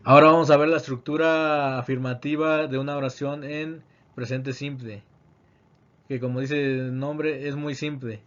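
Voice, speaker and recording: A man teaching English grammar, reading example sentences slowly and then translating them. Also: mid-range voice, level tone, a bit bright, lo-fi sound. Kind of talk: grammar lesson explaining examples.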